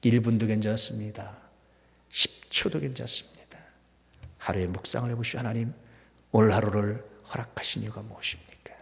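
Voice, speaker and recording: A man preaching a sermon as pastor, swinging between loud emphatic peaks and hushed near-whispers, full of rhetorical questions to the congregation. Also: lowish voice, fairly even intonation, fairly quick, creaky, long pauses. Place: church sanctuary. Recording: long hall reverb.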